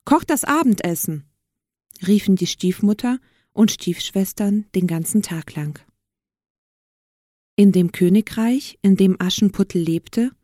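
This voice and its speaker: A woman reads a fairy tale aloud in clear, careful, simple sentences for learners. Her pace is very slow and her tone mellow. The recording is dry and close. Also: medium pitch, no room sound. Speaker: narrator. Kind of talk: slow storybook reading for learners.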